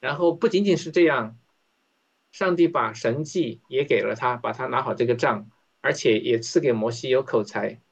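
A man's voice: medium pitch, normal speed, creaky, breathy edge. A man leading an interactive Bible study, talking conversationally and often asking his listeners questions. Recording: dull lo-fi recording.

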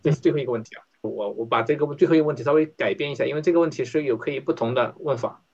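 A man's voice: medium pitch, very fast, vocal fry, darkish tone, husky. A man leading an interactive Bible study, talking conversationally and often asking his listeners questions. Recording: dull lo-fi recording.

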